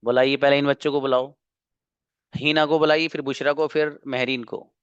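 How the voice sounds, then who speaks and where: A man's voice: mid-range voice, flat delivery, moderate pace, a bit bright, clean tone, no echo, highs cut off. Earnest male online teacher, coaxing and repetitive, close and dry. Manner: coaxing, earnest, repeats himself. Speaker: English teacher. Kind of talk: online spoken English class.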